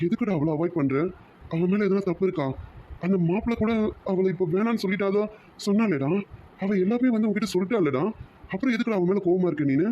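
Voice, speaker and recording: A man's voice: high-pitched, animated, quick pace, slight background noise. A man voicing a worried young man who keeps pressing his friend with insistent questions, on a dull lo-fi cartoon recording.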